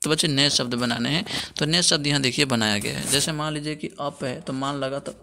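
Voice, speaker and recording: With a mid-range, sharp voice marked by vocal fry, a man talks a little fast while going over a Hindi textbook lesson. He calls his pupils children, gives them sincere moral guidance, and keeps saying "okay"; slight background noise is present.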